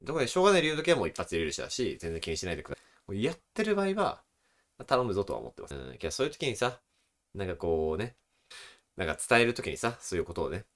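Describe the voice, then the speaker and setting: Young male podcast co-host, deep and bright, easygoing, swings his pitch widely. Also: very fast. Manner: relaxed, chuckling, demonstrates voices. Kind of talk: casual chat.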